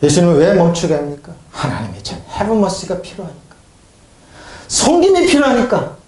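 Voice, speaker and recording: A man preaching a sermon as a pastor, urging his listeners with repeated calls for amen and swinging between loud cries and hushed asides. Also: wildly swooping pitch, moderate pace. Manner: impassioned, with call-and-response "amen" prompts; shifts between shouting highs and hushed lows. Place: church sanctuary. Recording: echoey church hall.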